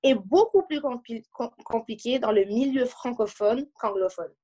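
Brief: young Quebec woman, higher voice, lively and questioning in a casual panel chat. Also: normal speed. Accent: Quebec French. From Montreal, Quebec. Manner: animated, questioning, restarts mid-thought. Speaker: panel discussant. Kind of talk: casual discussion.

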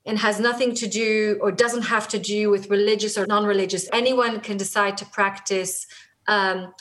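In a conversational interview, a middle-aged woman from Israel, whose native language is Hebrew, speaks with an Israeli accent in a mid-range, fairly bright voice. Her intonation is fairly even and her speed normal, and she is earnest and reflective, often beginning sentences again.

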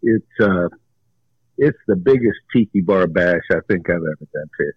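A man calling in to a radio show on the phone, talking in an easygoing, halting way. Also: low-pitched, animated, breathy edge, no room sound. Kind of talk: casual radio chat. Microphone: telephone. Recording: muffled phone line.

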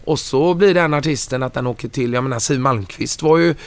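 A middle-aged man, a touring musician, telling anecdotes in a casual, animated way. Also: medium pitch, no echo. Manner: animated, acts out quoted lines in a raised voice.

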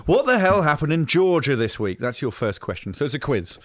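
A man's voice: a little high, brisk, no echo. A man hosting a comedy podcast, playfully quizzing and teasing his guests. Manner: playful, teasing, lively quizmaster. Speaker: podcast host.

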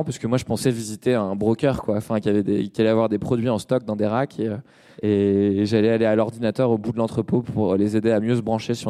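A mellow, low-pitched male voice echoes as if in a big room. The speaker, a thirty-something startup co-founder from Nantes, France, is a podcast guest whose interview talk is casual, slangy and hesitant, trailing off with frequent tags.

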